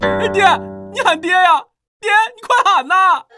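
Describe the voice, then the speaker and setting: An actor playing a young bully, the village chief's son, who shrieks threats and begs for help. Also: male voice, extremely high pitch, sing-song, a little fast, over music. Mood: pleading. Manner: shrieking, pleading. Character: cowardly young village bully, whiny and spiteful. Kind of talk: short-drama acting.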